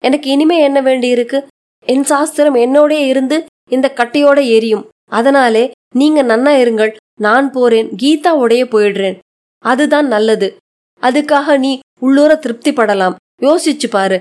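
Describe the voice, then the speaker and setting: A woman's voice: sits high, moderate pace, a little mellow, natural voice. A woman reading a short story aloud, voicing an aged widowed grandmother who reproaches and pleads in old-fashioned homely speech. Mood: pleading. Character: aged widowed grandmother, grieving yet resolute.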